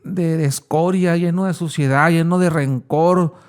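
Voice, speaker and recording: A man's voice: a little high, fairly even intonation, measured pace, clean tone. A man, telling his personal testimony in a casual, slangy way as an interview guest.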